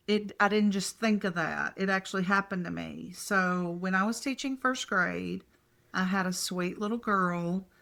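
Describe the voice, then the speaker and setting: A woman's voice: mid-range voice, bright, forceful tone. An older woman co-hosting a podcast from a hotel room, rambling through stories with restarts. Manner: slow, rambling storyteller with restarts. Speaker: podcast co-host. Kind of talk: casual chat.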